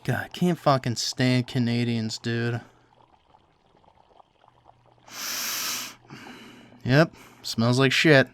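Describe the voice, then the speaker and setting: A man's voice: mid-range voice, unhurried, a bit bright, clear, resonant tone, natural voice. Crude cartoon chef, whiny, defensive, swearing, voiced by a man. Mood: grumbling. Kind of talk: cartoon voice acting.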